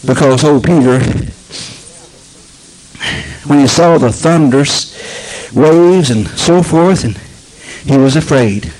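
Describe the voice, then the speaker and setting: A man preaching a sermon, swinging between low storytelling and shouted proclamation and asking the congregation whether they understand. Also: takes it slowly, pauses often, low-quality recording. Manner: asks the congregation for agreement.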